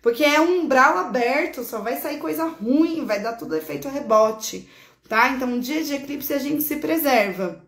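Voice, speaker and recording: A woman's voice: high-pitched, expressive, normal speed, fairly bright tone. A woman from Brazil, hosting a casual horoscope chat, talking affectionately, laughing often and correcting herself as she goes. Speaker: astrologer host. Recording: echoey room.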